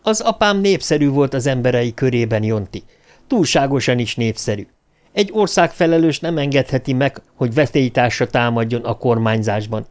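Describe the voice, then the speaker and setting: A man's voice: medium pitch, animated, a little mellow, natural voice. A male audiobook reader voicing a defiant young man who accuses his enemy in a raised, heated voice. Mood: heated accusing.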